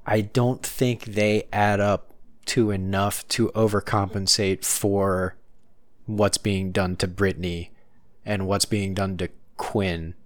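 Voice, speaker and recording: Relaxed man co-hosting a podcast. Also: lowish voice, takes it slowly, dry recording. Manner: relaxed, hesitant, many restarts. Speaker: podcast co-host. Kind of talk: casual chat.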